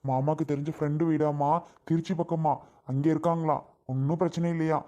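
A man's voice: fairly high pitch, level tone, brisk, mellow, highs cut off, natural voice. A man playing a grown son in a family skit, talking in a blunt, scolding way. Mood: reassuring. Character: blunt adult son, irritable.

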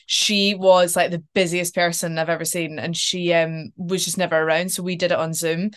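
Sitting on her living-room couch, a young Glaswegian actress from Scotland talks over video call in a relaxed interview as a guest, chatty and animated with frequent ums and likes. Her voice is on the low side, clear and resonant, at a normal pace.

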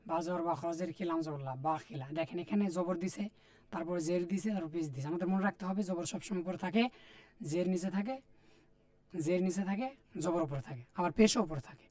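A man with a high, darkish voice and a fast delivery teaches Quran reading. In a Bangladeshi Bengali accent, he drills Arabic letters and vowel marks one at a time, patient and repetitive, speaking to viewers directly.

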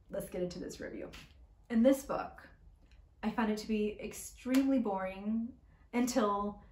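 A woman talking through her monthly reads in a casual, outspoken way, not shy about cursing when a book lets her down. Her voice sits at an ordinary middle pitch. The sound bounces around a roomy, echoey space. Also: a little hiss or hum. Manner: blunt, opinionated, swears casually. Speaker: book reviewer.

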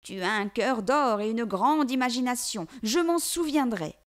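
A woman voicing a wounded, grateful crow in a storybook reading, with a high voice. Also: animated, measured pace.

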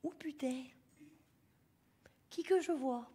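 A woman's voice: sits high, slow pace, dark tone. A woman comedian playing a crude, boastful working-class mother who rambles with lots of fillers and swearing. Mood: brash. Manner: vulgar, rambling, full of fillers. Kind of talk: stand-up character monologue.

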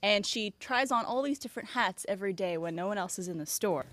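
A woman's voice: mid-range voice, lively intonation, fast talker, fairly bright tone. A woman playing along as a contestant on an improv comedy panel show, tossing out puns and giggling. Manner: playful punning, giggly. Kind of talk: improv game show banter.

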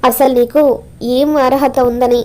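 A woman's voice: high voice, flat delivery, measured pace, mellow. A woman voicing a stern wealthy father who scolds and threatens. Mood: angry.

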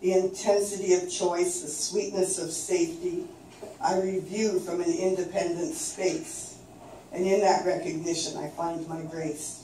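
With a lowish, mellow voice and a steady tone, an older woman from coastal British Columbia, Canada, slowly recites her own poetry at an open mic. She's in a small, dim indoor venue, recorded by a distant camera in a very echoey room with faint noise.

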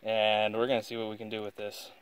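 A young man hosting a casual outdoor cooking demonstration beside a highway, explaining things in an easygoing, joking way. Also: monotone, fast. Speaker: vlog host. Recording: noisy outdoor phone recording.

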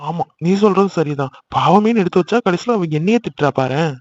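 A man's voice: high voice, expressive, quick pace, highs cut off. A man voicing a young brother who bickers with his sisters in a cartoon, exasperated and chatty. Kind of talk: cartoon voice acting.

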